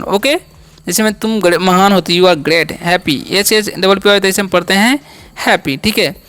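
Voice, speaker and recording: A man's voice: high voice, fairly bright tone, smooth, no room sound. A man teaching English vocabulary in a spoken lesson, asking a question and answering it himself again and again. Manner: repetitive call-and-response teaching, asks and answers his own questions.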